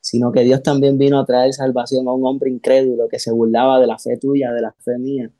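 A man with a dark, mellow voice telling his life story in an interview. He speaks with feeling and acts out the people he quotes, often repeating words as he goes. The sound is dry and close. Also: mid-range voice, level tone, a little fast, no room sound, rough recording. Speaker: pastor, interview guest. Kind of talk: emotional personal testimony.

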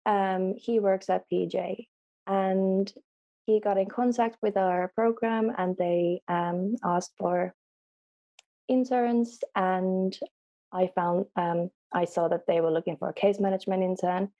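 Over a remote call, a young law student from Finland, speaking Finnish natively, takes part as a guest in a casual interview and fills her answers with ums. She talks slowly in a steady, mellow, mid-range voice, and the top end of the sound is cut off.

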